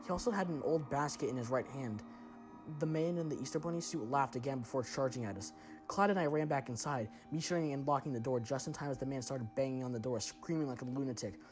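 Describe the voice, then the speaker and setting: A man's voice: mid-range voice, quick pace, faint music behind. A man narrating a first-person horror story in a tense, dramatic way.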